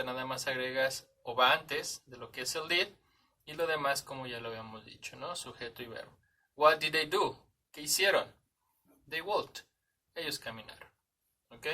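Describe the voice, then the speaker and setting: Bright-voiced Mexican man teaching English grammar. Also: mid-range voice, recorded from a distance. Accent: Mexican Spanish. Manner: conversational, checks in with "¿sale?" and "¿ok?". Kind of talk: explaining grammar in a lesson.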